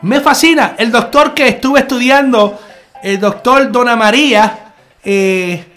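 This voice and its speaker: A man's voice: very high-pitched, measured pace, fairly bright tone, faint music behind. A man giving a conversational online sermon as a Messianic preacher, earnest, repeating key phrases and calling the listener brother.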